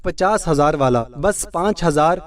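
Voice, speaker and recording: A man's voice: fairly high pitch, recorded from a distance, close to an everyday voice. A man voicing a tired, feverish young husband who mutters wearily and snaps in irritation. He keeps close to his own voice, set back from the mic. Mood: weary.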